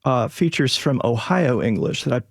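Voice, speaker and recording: A man's voice: medium pitch, big pitch swings, moderate pace, vocal fry, slightly rough, no echo, studio quality. A man with a Northern American accent, talking as an expert guest on a discussion panel and explaining things. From northern United States. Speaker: linguist guest.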